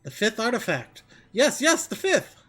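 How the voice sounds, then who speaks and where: A man voicing an earnest, excitable kobold mage from a fantasy game, formal and eagerly repeating words. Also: very high voice, measured pace, faint music behind, heavily acted. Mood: excited. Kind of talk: reading game dialogue aloud in character.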